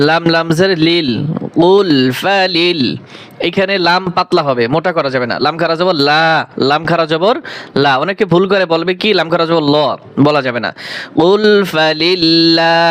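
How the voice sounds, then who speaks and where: A man teaching Quran reading, spelling out each syllable slowly and deliberately and reciting verses in a drawn-out chant. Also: a little high, a bit bright, smooth.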